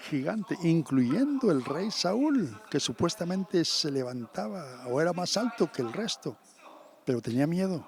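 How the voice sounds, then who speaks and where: Brief: male church preacher, gravelly timbre, animated storytelling sermon. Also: on the high side. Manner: animated, acts out quotes.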